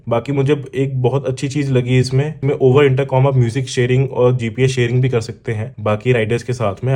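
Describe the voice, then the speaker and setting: Speaking in a mellow, mid-range voice with an Indian accent, a man unboxes a product for his channel as a motorcycle vlogger and reviewer. The talk is casual and explanatory, switching between Hindi and English, and he addresses the viewer directly with examples and check-ins along the way.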